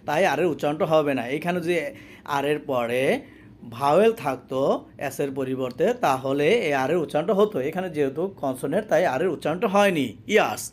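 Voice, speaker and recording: A man teaching English pronunciation, repeating each word and its meaning twice in a slow, patient explanation. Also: on the high side. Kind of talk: spoken language lesson.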